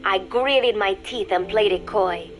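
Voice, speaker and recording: Woman doing a young spy girl faking sweet schoolgirl, cold and calculating, reads her diary all dry and measured, soft music way back. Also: mid-range voice, close to an everyday voice, poor audio. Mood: calm. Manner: cool, measured, quietly sardonic. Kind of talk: diary narration in a game.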